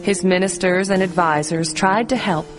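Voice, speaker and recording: A woman reading a scripted bedtime story for children in a clear, expressive storybook delivery. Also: mid-range voice, moderate pace, music in the background.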